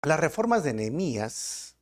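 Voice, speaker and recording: A man with a Peruvian Spanish accent preaching a verse-by-verse sermon as pastor, with animated delivery and rhetorical questions. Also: on the high side, normal speed.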